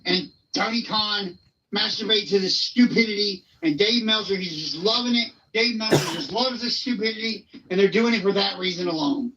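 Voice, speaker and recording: High bright-voiced man ranting scornfully. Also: normal speed, a little hiss or hum. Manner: scornful, lecturing, swears. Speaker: wrestling reaction host. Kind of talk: ranting commentary. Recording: dull lo-fi sound.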